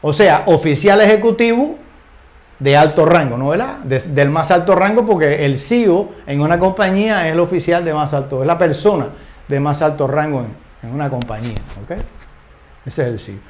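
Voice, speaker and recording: An older male teacher with a notably high voice explains grammar in an unhurried, conversational way. He keeps checking in with short tag questions and stumbles over repeated words as he looks for the right phrase. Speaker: English teacher. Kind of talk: casual spoken grammar lesson.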